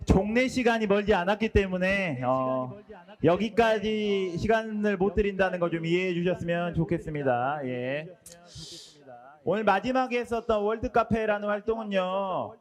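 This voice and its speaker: A man with a notably high voice leads a catechist training course. He speaks politely and in a measured way. He sums up the day and opens the floor to questions. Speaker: instructor. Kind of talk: lecture to teacher trainees.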